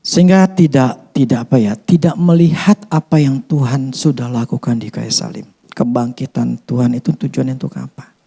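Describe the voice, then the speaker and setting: A man preaching a sermon as pastor, conversational and lively, swinging between loud bursts and hushed asides. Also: mid-range voice, moderate pace, gravelly, slightly rough.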